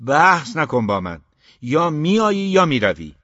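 A man voicing a harsh, domineering middle-aged father who shouts and scorns in an audiobook. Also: fairly high pitch, sing-song, no room sound, muffled recording, voice pushed up. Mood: commanding. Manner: scornful, shouting, quick to anger. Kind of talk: audiobook character reading.

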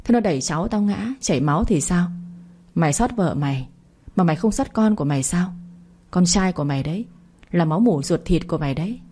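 A woman voicing a sharp-tongued mother-in-law who scolds and accuses. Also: fairly low pitch, lively intonation, brisk, husky. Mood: angry.

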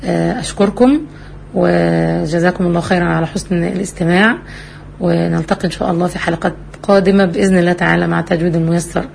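A woman with an Egyptian Arabic accent teaching a tajweed lesson. She asks questions and answers them herself, and she recites examples slowly between quick explanations. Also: fairly low pitch, fairly even intonation, creaky, darkish tone, slight background noise.

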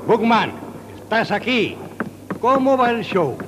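A man's voice: high voice, big pitch swings, takes it slowly, very noisy, full character voice. An actor playing a self-important, exasperated male executive, pompous and lamenting, in a dubbed film comedy. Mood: startled.

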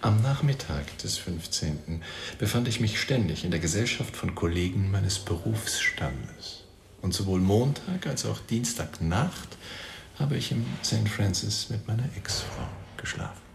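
In a radio drama monologue, a male actor with a fairly low, gravelly, expressive voice plays a suave, evasive middle-aged doctor confessing under police questioning, formal and guarded. His wording is precise and pompous, with deliberate pauses, and his voice fades to a murmur. The recording has a roomy echo and faint background noise.

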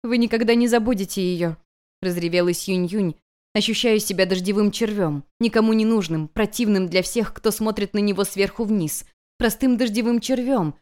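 A woman reading a fantasy story aloud as an audiobook narrator, in an expressive, flowing manner. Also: medium pitch.

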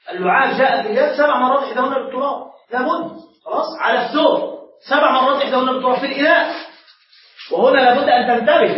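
A sheikh with a very high voice lectures at a brisk clip, putting questions to his class and then answering them. He is picked up from a distance in a very echoey room. The sound is dull and lo-fi, with faint noise underneath.

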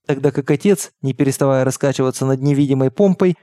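A man reading an audiobook in steady, measured narration. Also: medium pitch, no echo, clean studio sound. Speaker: audiobook reader. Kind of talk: scripted narration.

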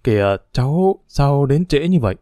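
A man's voice: mid-range voice, sing-song, normal speed, mellow, no echo, studio quality, lightly acted. A man voicing a worried, proper older aunt in a storybook reading. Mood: calm. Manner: anxious, fretful questioning.

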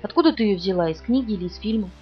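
A woman voicing a calm, guarded young-looking male vampire with a dry ironic edge in an audiobook. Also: medium pitch, very fast, far from the mic, highs cut off, lightly acted.

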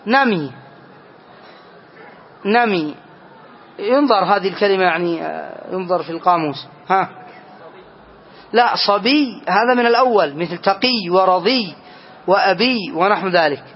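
Casting note: male grammar teacher, very high voice, drills a class and drags out his examples, muffled lo-fi recording. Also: expressive. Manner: questions students, slows down to stress examples.

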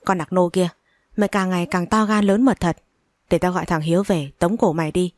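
A woman voicing a harsh, foul-mouthed older mother-in-law who hurls insults, in a low voice. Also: steady tone, a little fast, no room sound, natural voice. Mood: furious. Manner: shouting insults.

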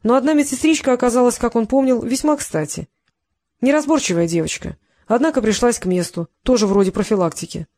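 A woman reading an audiobook in a measured, even narration, close to the mic. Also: fairly high pitch, no echo. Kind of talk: scripted narration.

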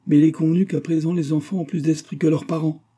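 A proud, middle-aged society mother speaks in a scolding, haughty way from a storybook. A man puts her on, lifting his dark, husky voice well above his own. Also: medium pitch, brisk, pitched above the performer's own voice, natural voice.

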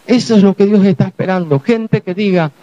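A man's voice: sits high, brisk, warm tone, dull audio. A man with a Rioplatense Spanish accent preaching a sermon as pastor, acting out the voices of people in the story.

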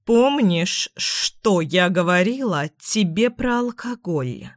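A woman voicing a cold, menacing mother who speaks in a slow, clipped, hissing way, in an audiobook. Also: medium pitch, lightly acted. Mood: icy. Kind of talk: audiobook character voice.

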